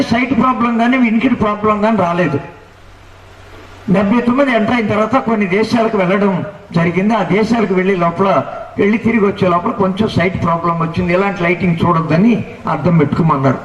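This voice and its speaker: High-voiced elderly man preaching in echoey hall. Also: fast talker, muffled recording. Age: 70s. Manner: rhythmic rhyming lists, rising to exclamations. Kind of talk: sermon testimony. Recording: echoey hall, mic at a distance.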